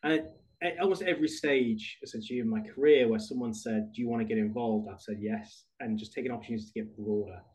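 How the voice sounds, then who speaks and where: A British man, a podcast guest, talking through his career in a relaxed, rambling conversational way. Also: medium pitch, fast talker, poor audio. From United Kingdom. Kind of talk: conversational interview.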